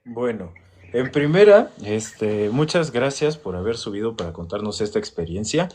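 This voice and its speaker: A man hosting a story channel, answering a caller in a formal, measured way. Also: lowish voice, big pitch swings, a little mellow. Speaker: host. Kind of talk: host replying to a caller.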